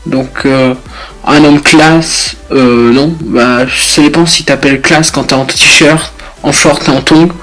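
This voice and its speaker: Rambling young Frenchman, slightly high voice. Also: fairly even intonation, slow, fairly bright tone, soft background music, low-quality recording. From France. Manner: laid-back, rambling, blunt slangy jokes with many fillers. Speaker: YouTuber reacting to statements. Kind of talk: casual crude commentary.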